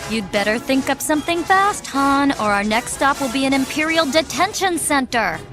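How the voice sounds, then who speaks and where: Young space princess: assertive, earnest, high and animated, audio drama delivery. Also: female voice, moderate pace, music in the background. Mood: tense. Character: decisive young princess and rebel leader, urgent.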